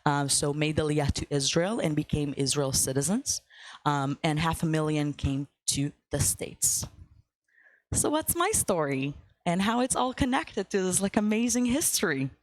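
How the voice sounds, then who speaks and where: A young Ukrainian guest speaker addresses a church class in a low, expressive voice at normal speed. She's relaxed and upbeat, dropping in lots of fillers and asides, and the recording has no room sound.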